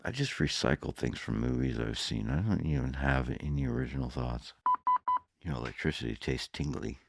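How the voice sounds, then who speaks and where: A man co-hosting a podcast in casual banter, firing off deadpan wisecracks. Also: extremely low pitch, brisk, vocal fry. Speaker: podcast co-host. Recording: very noisy recording.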